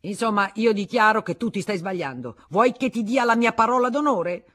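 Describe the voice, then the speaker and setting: A man's voice: takes it slowly, slightly rough. A woman reading an audiobook, voicing a blustering husband who is caught lying and covers it with forced cheer. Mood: flustered. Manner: agitated, evasive, bursts of pitch.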